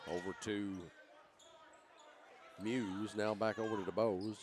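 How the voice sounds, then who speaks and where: A man from calling basketball play-by-play in short, quick phrases that rise when shots fall. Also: on the low side, flat delivery, background noise. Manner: rapid terse play calls, rising when shots fall. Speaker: play-by-play announcer.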